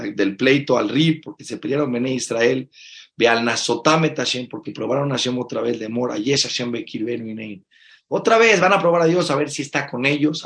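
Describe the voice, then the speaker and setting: Preaching on the Torah, this rabbi speaks Spanish sprinkled with Hebrew phrases. His pitch is medium, and his emphatic delivery alternates between quiet, confiding remarks and loud outbursts.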